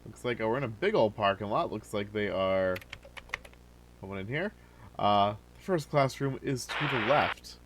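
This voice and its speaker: A young male gamer with a lowish voice talks through his play in a loose, chatty way, dropping plenty of filler words. He sounds relaxed, close to a desk microphone. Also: moderate pace, slight background noise, rough recording. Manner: laid-back, chatty, many filler "like"s. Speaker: gaming video host. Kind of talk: casual let's-play commentary.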